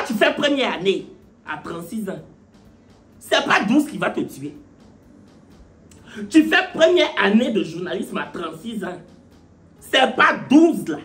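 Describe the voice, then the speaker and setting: Animated male comedian telling a story. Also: high-pitched. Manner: animated, mocking, rhetorical questions. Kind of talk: stand-up storytelling.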